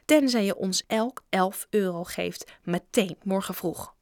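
A woman's voice: medium pitch, measured pace, no echo, studio quality, natural voice. A woman voicing a pair of greedy schoolboy bullies who wheedle and threaten in a storybook reading. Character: twin schoolyard bullies, boys, sly and greedy.

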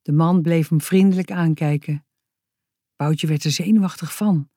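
A woman's voice: sits low, normal speed, dry recording, clean studio sound. Woman reading a children's story aloud. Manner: expressive, lively read-aloud. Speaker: narrator.

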